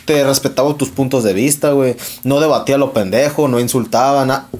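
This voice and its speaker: A man's voice: mid-range voice, brisk. Foul-mouthed Mexican man telling a story. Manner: profane, slangy, animated retelling with quoted dialogue. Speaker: podcast host. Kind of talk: casual storytelling chat.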